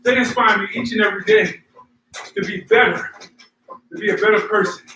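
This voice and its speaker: A man's voice: high-pitched, fairly even intonation, brisk, bright, forceful tone. A man chatting casually and motivationally to viewers while running and power walking during a workout. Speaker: host of a running workout vlog. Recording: roomy, distant mic, faint noise.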